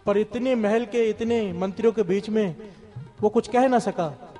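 A satsang speaker delivers a devotional sermon in a temple hall with instrumental music, telling a parable and drawing responses from the congregation. His voice is high, warm and unhurried, with faint music in the background.

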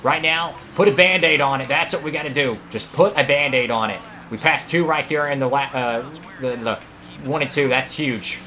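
Male gaming YouTuber, bright forward voice, excitable play-by-play with pleading outbursts, faint noise behind. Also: mid-range voice, normal speed. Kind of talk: live racing game commentary.

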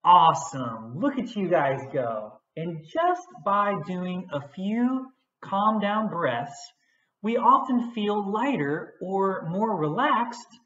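A woman teacher giving a patient, gentle lesson on feelings for young children. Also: fairly low pitch, sing-song, slow pace. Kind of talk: children's social-emotional lesson. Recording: echoey, dull recording.

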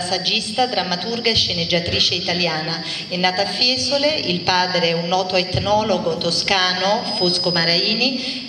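Young woman reading a biography aloud. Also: fairly low pitch. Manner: measured and formal, reading from notes. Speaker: speaker introducing the guest author. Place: large indoor hall at a public book presentation. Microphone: handheld microphone. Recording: echoey hall from a distance with audience noise.

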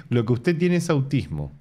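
His voice is fairly high, warm and husky: a man in his thirties with an Argentine Spanish accent, reading a post aloud on a casual home stream. He breaks off now and then for sarcastic, laughing asides, sitting in a room with bookshelves.

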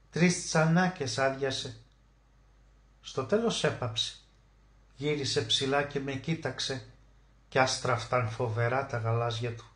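A man narrating a literary short story as an audiobook, emotive, slowing down to stress key words. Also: mid-range voice, fairly bright tone. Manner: emotive, with slow drawn-out emphasis on key words. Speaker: audiobook reader. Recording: roomy echo.

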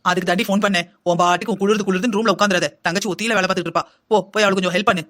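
A man's voice: high-pitched, steady tone, racing, bright, forceful tone. A man voicing a scolding older mother in a cartoon, lecturing her daughter.

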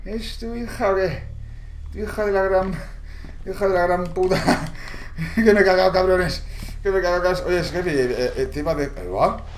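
Recorded in an echoey room with slight background noise, a man with a high-pitched voice plays a horror game at normal speed. He swears and panics while commentating, shouting whenever he gets scared.

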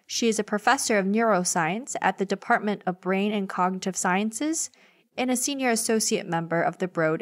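A woman co-hosting a science podcast, reading a scripted introduction in a clear, read-aloud way. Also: mid-range voice. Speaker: podcast co-host.

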